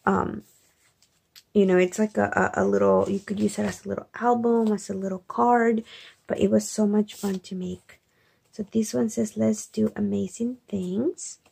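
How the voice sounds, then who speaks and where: A woman quietly gushing as she unboxes craft supplies in a late-night video, keeping her voice hushed with bursts of excitement. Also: medium pitch, moderate pace, gravelly, breathy edge. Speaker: craft vlogger. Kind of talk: soft-spoken unboxing chat. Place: home at night.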